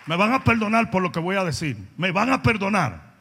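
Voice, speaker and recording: A man's voice: sits high, lively intonation, brisk, creaky, sharp tone, long reverb tail, slight background noise. A male pastor preaching a blunt, confrontational sermon, mocking people and acting out their quoted words in voices.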